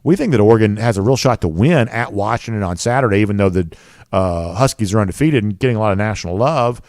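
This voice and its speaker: A man's voice: on the low side, lively intonation, fast talker, a little mellow, no echo, clean studio sound. A man hosting a sports talk show, giving conversational college football commentary and leaning on key words for emphasis.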